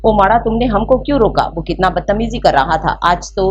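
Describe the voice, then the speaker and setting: A woman reading the part of a quick-tempered young Pathan woman who talks brashly and trips over her grammar, in a storybook reading. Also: mid-range voice, lively intonation, husky. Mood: fiery. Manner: brash, threatening, mixes up grammar. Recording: slightly muffled with faint hiss.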